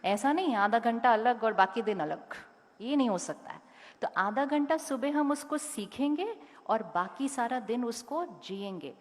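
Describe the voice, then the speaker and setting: A woman's voice: a little high, expressive, unhurried. Woman speaker in an echoing hall. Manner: directly questions and instructs the audience. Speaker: motivational speaker. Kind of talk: talk to a school audience. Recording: long hall reverb.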